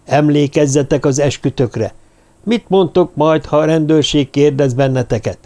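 A man's voice: fairly high pitch, warm tone, lightly acted. A man reading an audiobook, voicing a fanatical male druid mage who leads a bloody rite with screeching, commanding calls. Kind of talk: audiobook character voice.

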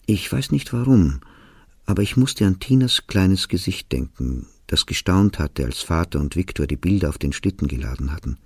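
A man narrating a literary audiobook in a studio, reading in a calm, even, reflective way. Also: deep voice, normal speed, husky, no echo. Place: recording studio.

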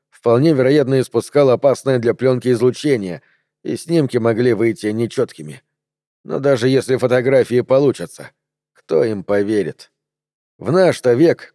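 A man reading an audiobook in a steady, measured narration. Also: medium pitch, no room sound, clean studio sound. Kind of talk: scripted narration.

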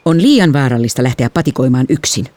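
A woman's voice: extremely low pitch, expressive, a little mellow. A woman reading an audiobook, voicing a stern, overprotective father who speaks curtly. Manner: gruff, curt.

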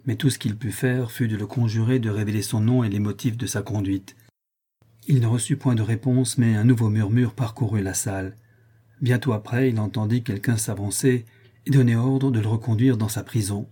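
Man, audiobook narration, measured reading, mellow dark tone, breathy edge. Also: fairly low pitch.

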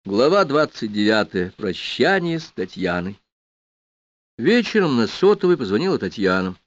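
A man reading a novel aloud in a measured, dramatic first-person narration, in a dry, slightly muffled recording. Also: medium pitch, big pitch swings, dry recording. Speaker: audiobook narrator.

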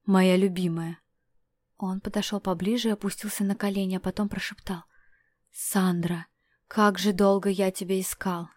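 A woman reading an audiobook and voicing an obsessed, desperate male prince who speaks fervently, often in hoarse whispers. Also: medium pitch, flat delivery, brisk, dry recording, close to an everyday voice.

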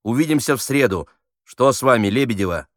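With his voice pushed up from its natural mid-range, a man reads the part of a pompous army officer ordering amateur actors around. He sounds brisk, animated and commanding, with a fairly bright tone in an echo-free, clean studio recording.

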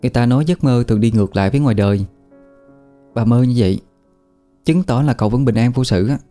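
A man voicing a young maid who talks in a bright, chatty, quick way and reassures her mistress. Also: mid-range voice, faint music behind, pitched above the performer's own voice, lightly acted.

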